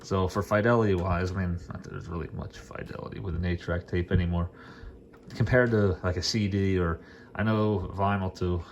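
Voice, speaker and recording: A man with a low-pitched, steady voice speaks at normal speed with background noise around him. A vintage hi-fi hobbyist, he gives a casual, unscripted demo of his gear, rambling along informally and enthusiastically.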